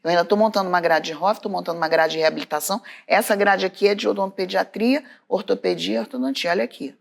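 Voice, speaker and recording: A woman's voice: medium pitch, fast talker, gravelly. A woman with a Brazilian Portuguese accent, a podcast co-host telling stories in casual chat, calling out to her listeners. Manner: lively storyteller, exclaims to listeners.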